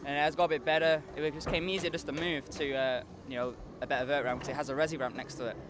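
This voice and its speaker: A man's voice: fairly high pitch, little pitch movement, fast, noisy background. A nineteen-year-old man from Liverpool, a skateboarder being interviewed at an outdoor event, who answers hesitantly with many filler sounds. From Liverpool, England. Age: young adult, 19.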